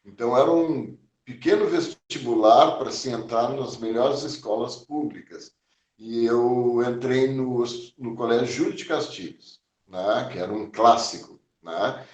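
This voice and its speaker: A man's voice: mid-range voice, darkish tone. Reflective man in his sixties, roomy distant sound. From Porto Alegre, southern Brazil. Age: 60s. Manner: measured, reflective, frequent "né?" and "eh" fillers. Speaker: physician recounting his life. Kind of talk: oral history interview.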